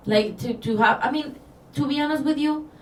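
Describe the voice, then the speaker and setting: A woman from Mexico, a designer whose first language is Spanish, tells her story as a guest in a casual interview. She speaks with a Mexican accent in a high voice at normal speed, earnest and rambling with restarts. The recording is roomy and distant, with faint background noise.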